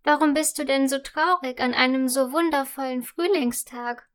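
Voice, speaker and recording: A woman voicing a caring female tulip flower in a children's audio story, speaking softly and carefully. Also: fairly high pitch, slow pace. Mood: gentle. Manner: soft, careful, comforting.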